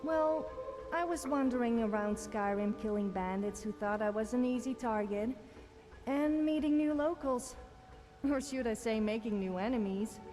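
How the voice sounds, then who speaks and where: Sofia, cheeky higher-voiced adventurer voiced by a woman. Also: lightly acted. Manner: cheeky, self-satisfied, dry. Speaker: video game follower character. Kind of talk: scripted game dialogue. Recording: music behind voice. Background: game music.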